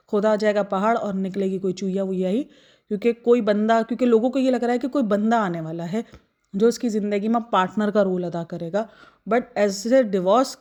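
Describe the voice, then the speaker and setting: A woman's voice: mid-range voice, darkish tone. A woman giving opinionated, casual commentary on online creators, critical and full of rhetorical questions to her audience.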